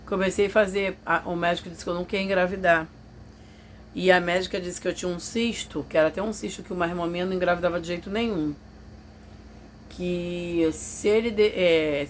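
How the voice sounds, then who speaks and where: A woman's voice: on the low side, a little hiss or hum. Woman confiding a hard past. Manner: confiding, emotional storytelling that acts out others' voices. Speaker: vlogger telling a personal story. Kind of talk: personal testimony to camera.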